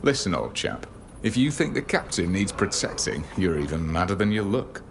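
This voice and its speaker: A man's voice: sits low, very animated, normal speed, heavily acted. An actor playing a cocky, mocking male adventurer in a video game. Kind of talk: video game dialogue acting. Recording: clear background noise and ambience.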